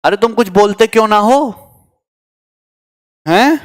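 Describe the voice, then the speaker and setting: A man's voice: high-pitched, a little slow. A man teaching maths in a live coaching class, joking with students and mixing English terms into his explanations. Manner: teasing, chatty, answers student comments. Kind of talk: online exam coaching lecture.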